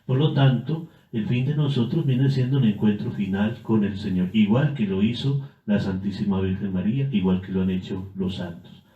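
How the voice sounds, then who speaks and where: Mellow-voiced priest in an echoey room. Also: male voice, fairly low pitch. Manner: measured, with frequent filler tags and restarts. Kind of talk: catechetical explanation. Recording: echoey, dull-sounding room.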